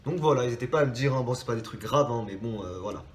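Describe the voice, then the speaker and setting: Quick and mid-range, the voice of a young French drawing-channel host comes through an echoey room with a bit of hiss or hum. Congested from a cold, he chats loosely with subscribers, hesitating and restarting often.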